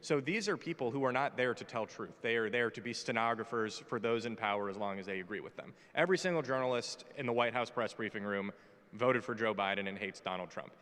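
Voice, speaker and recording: Fast and on the low side, with a bit of brightness, this American man in his twenties talks on a conference panel in a brash, joking, opinionated manner. He's on the stage of a large, echoey conference hall.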